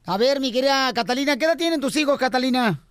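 A man's voice: extremely high pitch, lively intonation, fast talker, background noise. A man hosting a morning radio show, telling jokes and teasing his co-hosts. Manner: playful, teasing, tells jokes. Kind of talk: joking morning radio banter.

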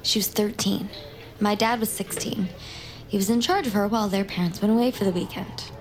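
Playing an inquisitive young survivor of a crime, a woman speaks in a steady mid-range voice at a fairly quick clip, pressing her points with urgent intent. The audio drama acting is naturalistic and lightly acted. The low-quality recording carries slight background noise.

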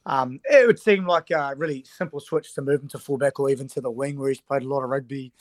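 A man's voice: medium pitch, fast, no echo. A man, a rugby coach giving analysis as an interview guest.

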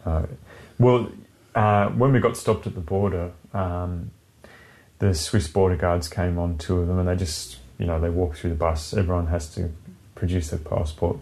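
Deep-voiced sardonic man. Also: fairly even intonation, normal speed, darkish tone. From Britain. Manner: sardonic, swears freely. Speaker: podcast co-host. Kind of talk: casual chat.

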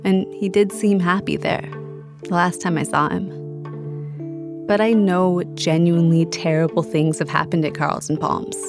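A woman host and reporter narrating a documentary podcast and interviewing in a measured, reflective way. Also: lowish voice, steady tone, music in the background.

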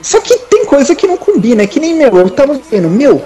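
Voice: sits high, very animated, fairly quick, warm tone. A Brazilian co-host with São Paulo slang, explaining comics in casual chat, full of fillers like "tipo" and "sabe". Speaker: podcast co-host.

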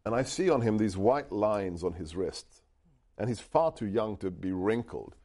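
A middle-aged Hungarian speaker raised in the UK, appearing as an author and guest, has a lowish, slightly mellow voice and an animated manner at a moderate pace. He tells his story in interview answers earnestly and emphatically, often restarting his phrases.

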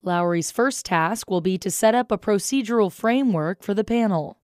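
A woman's voice: mid-range voice, moderate pace, darkish tone, no room sound, studio quality. A woman anchoring a radio newscast, reading scripted local news items.

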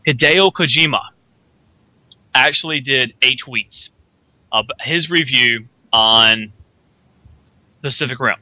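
A man with a very bright, forceful voice co-hosts a casual radio talk show. He talks in an opinionated, speculative way and sounds dry and close to the mic. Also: mid-range voice, no echo. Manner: opinionated, speculative, acts out quick character voices. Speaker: podcast co-host. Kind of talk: casual chat.

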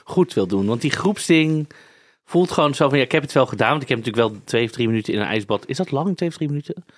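A man co-hosting a podcast in casual conversation, informal and thinking out loud as he goes. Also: mid-range voice, animated, fast, no room sound, clean studio sound. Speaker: podcast co-host.

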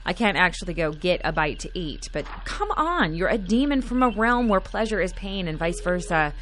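Woman as a snarky, animated station computer. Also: lowish voice, moderate pace, slight background noise. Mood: appalled sarcasm. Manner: snarky, exasperated, blunt. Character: sarcastic, scolding female space station computer AI. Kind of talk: audio comedy drama acting.

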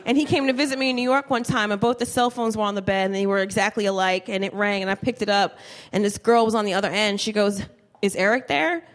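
A woman in her thirties doing stand-up on a club stage into a handheld mic, telling a story, profane and animated, talking to the crowd. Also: medium pitch, quick pace. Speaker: stand-up comedian. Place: comedy club stage with live audience. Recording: live show with faint room noise.

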